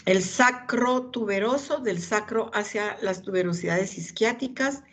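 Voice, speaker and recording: A woman's voice: mid-range voice, unhurried, fairly bright tone. A woman lecturing anatomy, pointing out images and calling on students by name.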